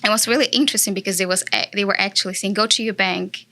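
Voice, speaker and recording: Brazilian-accented woman, bright and earnest. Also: medium pitch, fairly even intonation, racing. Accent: Brazilian Portuguese. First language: Portuguese. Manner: earnest, with many fillers and frequent laughs. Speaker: guest, property investor. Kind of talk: casual interview chat.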